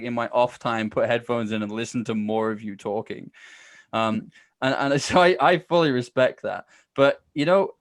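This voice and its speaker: In studio-quality audio with no room sound, a man with a mid-range voice appears as a podcast guest. He tells stories in a chatty, informal style, acting out quoted exchanges as he goes.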